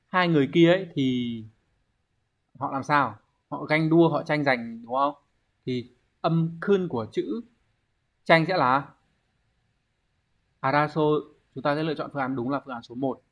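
A man's voice: a little high, fairly bright tone. A man teaching an online exam review lesson, explaining word readings and checking in with the class through rhetorical questions. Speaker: Japanese teacher.

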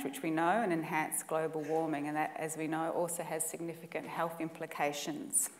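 A conference speaker in her forties with an Australian accent gives a presentation talk at a lectern, her voice on the low side and captured from a distance. She is emphatic and earnest, stacking lists for effect, in an echoey indoor conference room or lecture hall with the mic set back.

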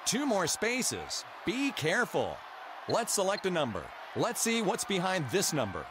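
An emphatic game show host in a video game. His voice is high and very lively, jumping in pitch as he instructs the contestant. Clear game noise runs behind him. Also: measured pace, exaggerated voice. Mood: upbeat. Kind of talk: game show hosting, scripted.

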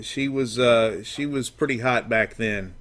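A man's voice: mid-range voice, unhurried, fairly bright tone, natural voice. A man playing an estranged, down-on-his-luck father on a prank phone call, hesitant and rambling, with many ums and uhs. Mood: pleading, rambling. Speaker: prank caller.

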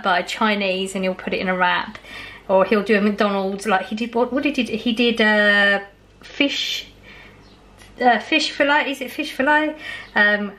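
This cooking vlogger's voice-over, laid over home kitchen footage, is casual and rambling, full of fillers and jokes at her own expense. She speaks with a fairly high pitch and a somewhat bright sound.

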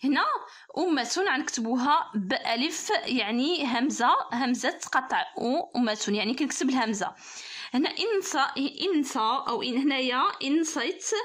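A woman's voice: high-pitched, lively intonation, normal speed, a bit bright. A woman teacher with a Moroccan Arabic accent who works through a grammar test for pupils, laying out each rule patiently and step by step. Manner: patient, explains rules step by step.

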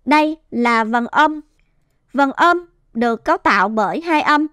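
A woman teaching first-grade reading, sounding out and stretching each syllable clearly for young children. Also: high-pitched, animated, a little slow, fairly bright tone, no echo, clean studio sound. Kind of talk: slow, clear phonics teaching.

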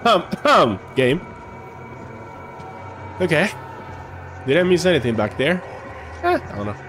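With a slightly high, sing-song, unhurried, somewhat bright voice, this thirtysomething streamer gives live commentary on a horror game from a room at home. He jokes and laughs at himself over the game music, speaking into a headset mic.

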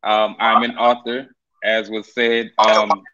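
A man's voice: lowish voice, flat delivery, slow pace, lo-fi sound, heavy background noise. A man, an author from Charleston, South Carolina, introducing himself politely over a video call. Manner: polite, thankful. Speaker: author, panelist.

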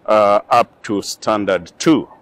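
Older Kenyan-born scientist, unhurried storyteller, filmed outdoors. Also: male voice, on the low side, dry recording. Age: 60s. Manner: measured, reflective storytelling with frequent fillers. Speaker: interview guest, scientist. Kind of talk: relaxed conversational interview. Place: outdoors on a lawn in front of a building.

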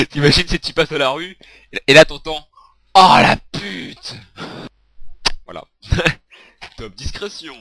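A young man commentating his own gameplay, swearing, shouting at the game, laughing and half-singing to himself. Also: on the high side, expressive, normal speed. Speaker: gaming video creator.

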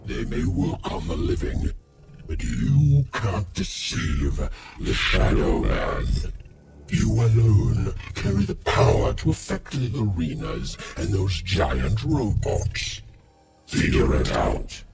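Gravelly, menacing shadow monster. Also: male voice, on the low side, full character voice. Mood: angry, menacing. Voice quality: gravelly, creaky. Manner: slow, theatrical, threatening. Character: sinister, menacing shadow monster, hungry child-snatcher. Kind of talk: video game voice acting.

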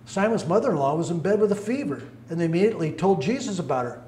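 A male pastor preaching a sermon, animated and swinging between loud calls and hushed asides, recorded in a church sanctuary. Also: high voice, fast talker, a little hiss or hum. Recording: echoey room, mic at a distance.

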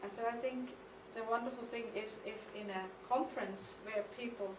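With a slightly high voice and fairly even intonation, a middle-aged German-accented woman reads a prepared, partly poetic lecture as an artist at a conference. She reads in a measured, reflective manner with some hesitations, standing at a podium mic on a stand on the stage of a mid-sized studio hall. The sound is echoey, has background noise, and is captured from the camera's distance.

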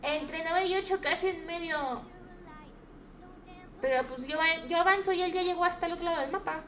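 A young woman with a Mexican accent giving chatty, casual commentary over her gameplay, now and then breaking into shrill, shrieking outbursts. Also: steady tone, normal speed, a bit bright. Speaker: gaming streamer.

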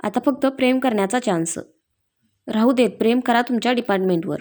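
A woman's voice: a little high, brisk, a little mellow, close to an everyday voice. A woman voicing a playful, teasing young husband who is a police officer, in a read-aloud story. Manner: teasing, affectionate.

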